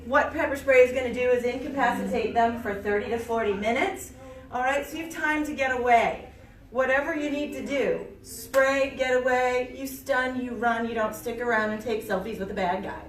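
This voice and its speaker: A woman giving a chirpy, animated trade show product pitch, instructing listeners and often checking in with them. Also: moderate pace. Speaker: self-defense product demonstrator. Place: indoor expo event. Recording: echoey room, distant mic.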